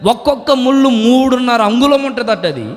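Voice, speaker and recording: A man pastor preaching an Easter sermon with passion, asking rhetorical questions and shouting at his climaxes. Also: very high-pitched, a little fast. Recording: long church-hall reverb.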